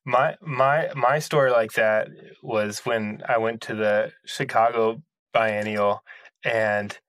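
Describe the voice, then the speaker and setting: A man's voice: lowish voice, fairly even intonation, slow, fairly bright tone, no echo. Easygoing male podcast host, dry sound. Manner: easygoing, hesitant with "uh" and "just". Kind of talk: casual interview chat.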